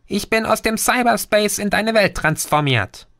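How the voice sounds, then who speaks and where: Guy doing a tiny green cyberspace dwarf, high squeaky and bossy, storybook voice. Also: lively intonation, a little slow, gravelly, a bit bright, heavily acted. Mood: coaxing.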